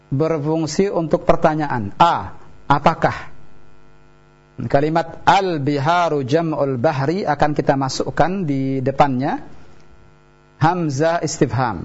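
Man, teacher, slightly high voice, careful model pronunciation, dull lo-fi radio sound. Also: darkish tone. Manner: slow, deliberate model pronunciation. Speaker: Arabic teacher. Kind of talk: radio language lesson.

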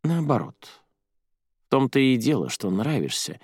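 A man's voice: mid-range voice, big pitch swings, measured pace, a little mellow, slightly rough, no echo, voice pushed up, heavily acted. Audiobook: male reader doing a witty young heroine, dry booth. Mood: wry. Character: sharp-tongued young woman student.

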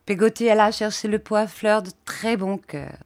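A woman reading a classic novel aloud as an audiobook, in an expressive, animated way. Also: mid-range voice, moderate pace. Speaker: audiobook reader.

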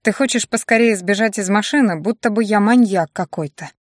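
A gruff, world-weary man who grumbles his lines in a low-key, serious way, as a woman reading an audiobook puts him on. The voice sits a little lower and quieter than the reader's own. It is recorded dry and close. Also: a little fast, no echo, lightly acted. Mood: grumbling.

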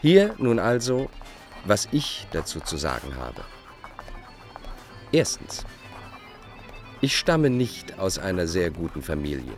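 In a radio drama, an actor plays a bitter, self-justifying Dutch fugitive reading his letters aloud as a monologue. His low voice swings hugely in pitch, moving slowly with frequent pauses in a heavily acted delivery over soft music. The tone is bitter and insistent, formal and pedantic, laying things out point by point.

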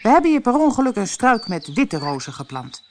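A woman's voice: a little high, big pitch swings, brisk, a little mellow, a little hiss or hum, pitched above the performer's own voice. A woman voicing a nervous, servile male playing-card gardener who stammers with many hesitations. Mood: anxious.

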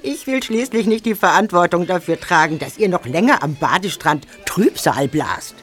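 A woman's voice: on the low side, expressive, moderate pace, fairly bright tone, soft background music. A woman playing a hesitant but indulgent mother in a children's audio drama.

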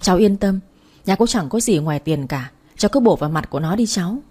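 A woman's voice: fairly low pitch, lively intonation, husky. Woman putting on a brash scolding old aunt. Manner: blunt, scolding, quick to shout. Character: brash, talkative older woman shopper.

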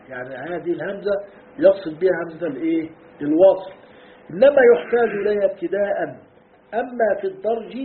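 A man's voice: high-pitched, a little hiss or hum. A man with an Egyptian Arabic accent, a sheikh teaching Quran commentary in a classroom lesson on Arabic grammar, quizzing his students and answering his own questions. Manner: asks students rhetorical questions and answers them himself. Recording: tinny lo-fi echoey lecture hall recording.

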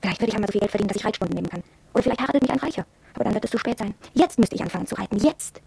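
An actress with a husky, mellow mid-range voice plays a proud, headstrong young apprentice at a shop, confiding matter-of-factly in a radio drama monologue. She is animated and rapid-fire, heavily acted, sounding confiding and defiant, with no room sound.

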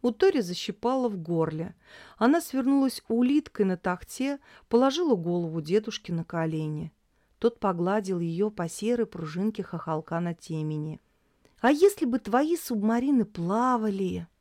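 A woman's voice: lowish voice, expressive, normal speed, warm tone, dry recording, clean studio sound. Woman reading a story aloud. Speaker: narrator. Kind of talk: audiobook reading.

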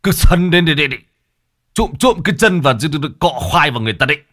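A man's voice: a little high, sing-song, fast, a bit bright, no echo, clean studio sound, voice pushed up. A man voicing a flustered, stammering middle-aged fortune-teller in a spoken story. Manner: stammering, fussy.

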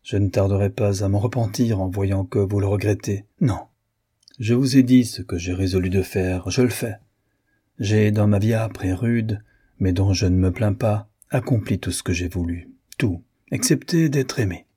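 A man's voice: on the low side, moderate pace, mellow, slightly rough. A male reader voicing a proud, remorseful husband who speaks in a firm, cold, sorrowful tone in an audiobook. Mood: grave remorse. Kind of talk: audiobook reading.

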